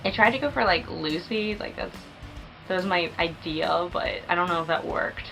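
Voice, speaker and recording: A woman's voice: fairly low pitch, normal speed, a bit bright, soft background music, poor audio. A young woman chatting casually and enthusiastically as she reviews a movie, peppering her talk with fillers.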